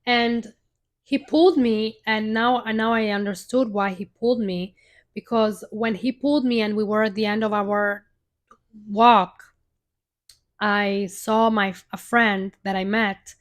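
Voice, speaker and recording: A woman's voice: medium pitch, steady tone, measured pace. Young woman telling a rambling heartfelt story. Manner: rambling, heartfelt, many restarts. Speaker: live stream host. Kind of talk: casual personal storytelling.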